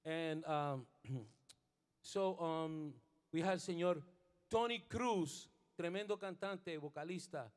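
On an indoor studio stage, a Puerto Rican bandleader in middle age speaks into a stand microphone as he plays bass. His fairly high voice comes through cleanly and unhurried, moving between Spanish and English with hesitant phrasing during band introductions, then lifting into passionate, sermon-style encouragement.

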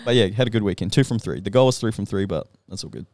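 A man co-hosting a podcast, telling a story in an animated, excitable way full of slang. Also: lowish voice, very fast, no room sound. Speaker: podcast co-host. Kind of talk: casual chat.

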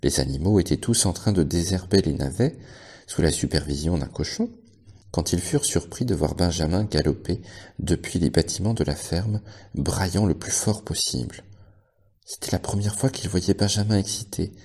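A male librarian reading a novel aloud in steady, measured narration. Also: low-pitched, breathy edge. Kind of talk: audiobook narration.

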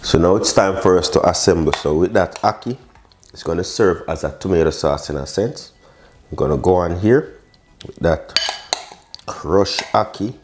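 Speaking at a normal speed in a low voice, a male chef and cooking show host talks viewers through a recipe step by step, tossing in short, chatty exclamations. He's in a modern indoor home kitchen, with slight background noise.

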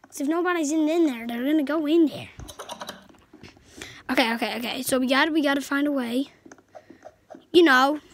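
A woman giving excitable let's play commentary over a game, yelping at scares and dropping into hushed whispers. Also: high voice, normal speed, long pauses, a little hiss or hum, poor audio. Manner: excitable, swings between yelps and hushed whispers. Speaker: gameplay commentator. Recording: game music playing clearly behind the voice.

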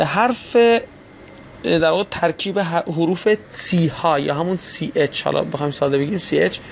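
A man teaching a recorded German lesson, spelling letters slowly, repeating sounds, and speaking to listeners as friends in polite, formal phrasing. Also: on the high side, creaky, slight background noise.

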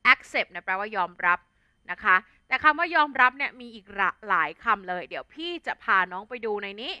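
A woman's voice: mid-range voice, sharp tone, clear, resonant tone, no room sound. A young adult woman with a Thai accent teaching an English vocabulary lesson in a chatty, casual way, full of fillers and tag words. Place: studio.

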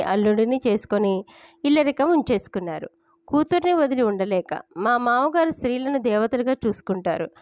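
A woman narrating a family story in the first person, with steady, unhurried storytelling. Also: on the high side, no echo.

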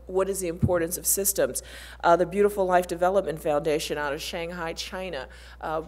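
Woman panelist with a low voice. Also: a little mellow. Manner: earnest, listing many partners. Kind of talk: panel talk. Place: conference hall stage. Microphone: table mic.

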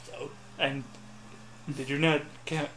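Casting: higher-pitched man, jokey gamer commentary, echoey room with faint hiss. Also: steady tone, moderate pace, fairly bright tone. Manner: joking, self-mocking. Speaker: gameplay commentator. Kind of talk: casual gaming chat.

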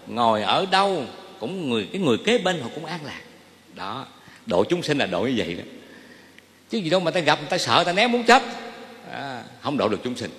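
A male monk with a Southern Vietnamese accent gives a dharma talk to a gathering. His fairly high voice moves through a wide, animated pitch range. He keeps turning to the listeners with questions. A long reverb hangs after his words, as in a large hall. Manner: lively, asks the audience questions. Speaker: Buddhist monk.

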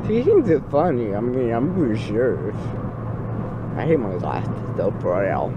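A teenage boy, groggy and loopy from anesthesia with his mouth numb after dental surgery, rambles goofily and disjointedly into a phone at arm's length for a casual selfie vlog. He's inside a moving car. His medium-pitched voice swings widely in pitch at an unhurried pace, and the phone audio is muffled, with car road noise.

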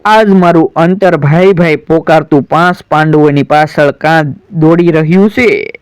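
A solemn, declamatory warrior son pleads with sorrow, as a man storyteller recites him. The voice sits high and moves slowly, smooth and clear. It sounds dry and close, with no room around it. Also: no echo, close to an everyday voice. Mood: yearning. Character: grieving proud warrior son, adult man.

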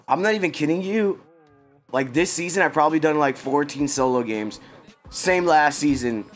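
A man talks casually to his livestream audience, relaxed and slangy, calling viewers bro and dog. His voice sits a touch higher than most men's. Faint music runs underneath. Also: normal speed. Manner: laid-back, chatty, slangy, addresses viewers as bro and dog. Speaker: game streamer.

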